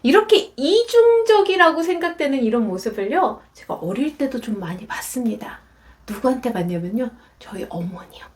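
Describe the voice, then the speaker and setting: Animated high-voiced Korean woman lecturer. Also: normal speed. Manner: animated, acts out quoted voices. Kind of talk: YouTube lecture with storytelling.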